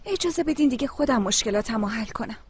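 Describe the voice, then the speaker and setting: Young daughter set on her own way, played by a female dub actor, high bright pitch. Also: lively intonation, a little hiss or hum, close to an everyday voice. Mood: firm. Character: determined young daughter, polite but firm. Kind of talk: Persian dubbing of a TV series.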